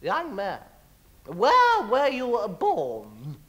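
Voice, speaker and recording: An actress playing a gushing, haughty mother in a Wilde parody stage comedy, with theatrical drawn-out exclamations. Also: a little high, wildly swooping pitch, heavily acted. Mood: imperious. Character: grand, gushing, haughty society lady, a domineering mother.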